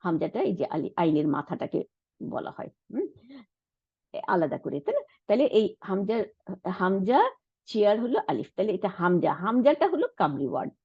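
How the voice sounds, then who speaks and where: A woman's voice: medium pitch, sing-song, brisk, long pauses, husky, no room sound. A woman teaching Arabic reading for the Quran step by step, often checking in with her listeners. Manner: explains step by step, often asks "isn't it?"; frequent hums and restarts. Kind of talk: online Quran Arabic lesson. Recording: dry, dull lo-fi sound.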